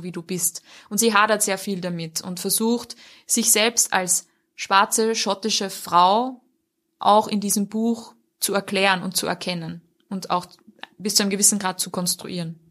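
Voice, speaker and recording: A woman's voice: mid-range voice, fairly even intonation, normal speed, fairly bright tone. A woman discussing a book in a conversational review, fluent and explanatory, with occasional fillers.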